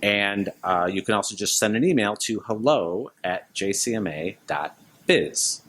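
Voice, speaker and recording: A man with a fairly low voice speaks as a guest in an interview. His answers are casual and conversational. He links his thoughts loosely, in informal everyday phrasing. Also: animated, measured pace, fairly bright tone. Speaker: interview guest, business leader.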